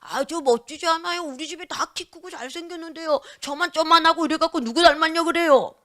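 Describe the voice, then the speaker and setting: A woman's voice: extremely high pitch, fairly quick, fairly bright tone. A woman voicing a discouraged young schoolboy who complains that he is worthless. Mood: sulky. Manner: sulky, complaining. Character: discouraged young schoolboy pupil, self-doubting.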